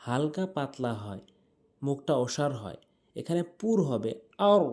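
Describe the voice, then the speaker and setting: A man teaching correct Quran recitation, explaining pronunciation and then reciting the examples slowly and melodically. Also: fairly high pitch, warm tone. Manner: drawn-out melodic recitation between plain explanations. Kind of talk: tajweed lesson with slow recited examples.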